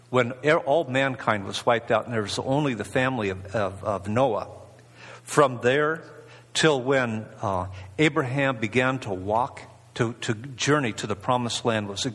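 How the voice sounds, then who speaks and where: Male preacher, husky mid-pitched voice, casual rambling delivery, long hall echo. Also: lively intonation, measured pace, fairly bright tone. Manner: rambling, conversational, many fillers and restarts. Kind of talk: informal sermon.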